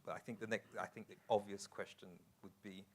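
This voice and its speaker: A man's voice: lowish voice, level tone, a little fast. A man interviewing a guest, asking conversational questions and often repeating his opening words.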